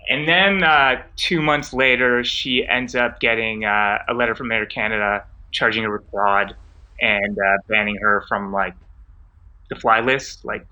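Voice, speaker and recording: A man with a very bright, sharp voice tells a long anecdote in a loose, rambling way, full of "like" and "uh". He speaks at an ordinary middle pitch. He is heard through a dull, lo-fi home microphone on an online call. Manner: loose and rambling, many fillers and asides. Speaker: storyteller at an online open mic. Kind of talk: casual storytelling.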